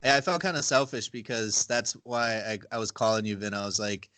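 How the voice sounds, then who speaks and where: A man's voice: on the low side, a little fast, fairly bright tone. A man hosting a podcast over a video call, chatting casually, rambling and swearing. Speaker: podcast host. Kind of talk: casual chat.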